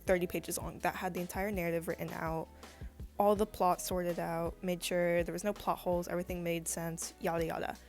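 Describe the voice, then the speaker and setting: Woman, casual vlog narrator, morning voice, rambling friendly delivery, faint music bed. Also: on the low side. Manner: chatty, rambling, with frequent fillers. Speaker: comic artist and YouTuber.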